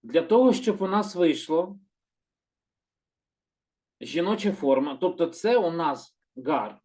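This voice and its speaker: A man gives a gentle, unhurried lesson and explains each word with patience. He often slows down to repeat terms and corrects his own slips. His voice sits a little higher than most men's. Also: animated. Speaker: Hebrew teacher. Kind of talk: calm slow explanatory lesson.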